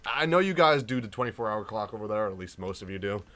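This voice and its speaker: Lively low-voiced American man, teasing. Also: fast talker. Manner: teasing and playful. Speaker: gaming channel co-host. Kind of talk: casual gameplay chat.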